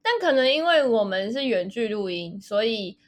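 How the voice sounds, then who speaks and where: A woman co-hosting a casual podcast chat with a sharp, quacking duck-like voice, speaking playfully and teasing herself. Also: a little high, big pitch swings, normal speed. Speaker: podcast co-host.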